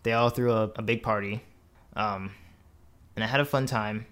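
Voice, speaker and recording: A young man recounting his own story in a relaxed, chatty interview. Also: lowish voice, moderate pace. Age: young adult. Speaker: interview guest. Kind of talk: casual interview.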